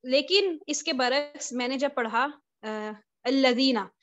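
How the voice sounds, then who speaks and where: High-voiced woman teaching over a video call. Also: unhurried, muffled recording. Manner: patient step-by-step explaining, poses questions to students. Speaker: Quran recitation teacher. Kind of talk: live online class lecture.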